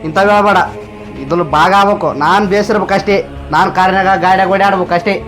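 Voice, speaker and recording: A man's voice: sits high, steady tone, fast, fairly bright tone, faint music behind. A young man acting a stubborn spoiled younger son who keeps demanding his share. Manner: defiant, dismissive, repeats demands.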